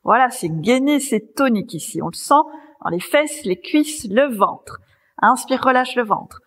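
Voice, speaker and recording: A woman yoga teacher leading a class, calmly guiding breath and movement in a soft, breathy voice. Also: on the high side, a little slow, long reverb tail. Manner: calm, gently guiding, cueing breath and movement. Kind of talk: guided yoga class instruction. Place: yoga studio.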